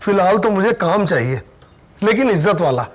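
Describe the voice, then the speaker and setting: Brief: boastful, indignant unemployed husband, fairly high voice, quick to take offence. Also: male voice, lively intonation. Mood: wry. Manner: pleading, then indignant and bluffing. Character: jobless proud middle-aged man, indignant and boastful. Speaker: jobless man answering a sales call.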